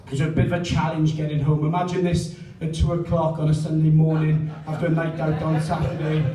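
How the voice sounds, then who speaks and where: A man's voice: a little high, monotone, a little fast, dark tone. A man in his thirties with a South Wales Valleys accent, performing live stand-up comedy. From Pontypridd, South Wales. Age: 30s. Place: indoor live gig venue. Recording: roomy, distant mic, faint noise.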